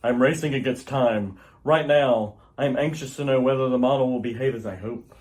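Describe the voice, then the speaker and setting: A man plays an earnest, urgent alien scientist who is also a husband and father, giving a grave, theatrical performance in old-style radio theater. His mid-range voice is a bit dark, close to how he'd normally talk, at a normal speed, and the mood is tender and earnest.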